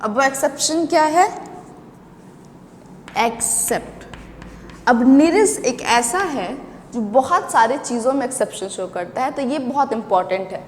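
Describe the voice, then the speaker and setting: High-voiced woman teaching biology in a hall. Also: lively intonation, a little hiss or hum. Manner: explains step by step, repeats key terms and asks the class questions; drawn-out emphasis on technical words, then bursts of quick speech. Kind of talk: classroom lecture mixing Hindi and English.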